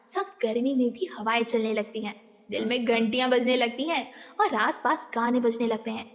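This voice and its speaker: Woman narrating a novel, reverberant room. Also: on the high side. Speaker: audiobook narrator.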